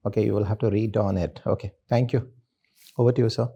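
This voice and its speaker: Male Indian interviewer, soft-edged dark timbre with some rasp, insistent and probing. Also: lowish voice, steady tone, fast talker, lo-fi sound. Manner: insistent, probing, repeats questions. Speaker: interview panellist. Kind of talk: interview questioning.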